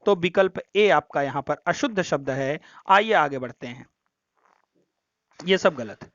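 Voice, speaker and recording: A man with a high, smooth voice leads a Hindi grammar practice lesson. He steps through each option methodically and restates the corrections. The recording is dry and a little dull, with a lo-fi edge. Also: lively intonation, a little slow, a bit bright, dry recording. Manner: explains step by step, repeats options and corrections.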